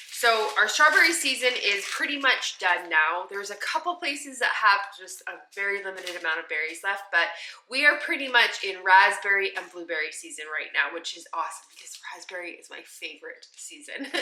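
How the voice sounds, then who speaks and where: Chatty bright woman in echoey kitchen. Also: mid-range voice, slight background noise. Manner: chatty and friendly, laughs lightly, explains plans step by step. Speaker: homesteading cooking vlogger. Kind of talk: casual kitchen vlog narration. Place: home kitchen.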